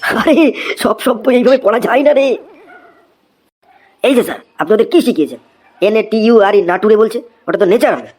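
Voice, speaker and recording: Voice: medium pitch, lively intonation, fairly quick, a little mellow, slightly rough, faint music behind. A voice actor playing a flustered new male schoolteacher in a cartoon comedy, exclaiming and complaining in exasperation. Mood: scolding.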